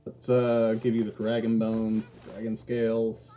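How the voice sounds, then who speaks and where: A man's voice: lowish voice, completely flat delivery, measured pace, dark tone, faint music behind. Offhand, joking man over gameplay. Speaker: gaming video host. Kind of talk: casual gameplay commentary.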